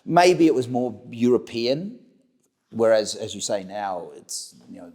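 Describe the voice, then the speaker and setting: A middle-aged man with a New Zealand accent, interviewed as a company director, speaks expressively and without hurry. His mid-range voice has a darkish tone, and his conversational answers are full of repetitions and fresh starts.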